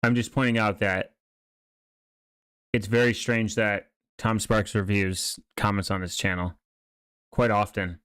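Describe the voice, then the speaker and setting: A man giving casual, rambling commentary, speaking haltingly and often trailing off or restarting mid-thought. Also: on the low side, little pitch movement, fairly bright tone, clear, resonant tone, no room sound. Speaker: streamer reacting to online videos and channels.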